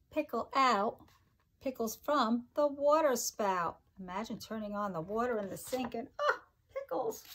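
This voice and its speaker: A middle-aged teacher reads a picture book aloud to young children in a kitchen-like room at home, slow and sing-song with chatty asides. Her voice is a little high and fairly bright, with slight background noise. The read-aloud is deliberate and expressive.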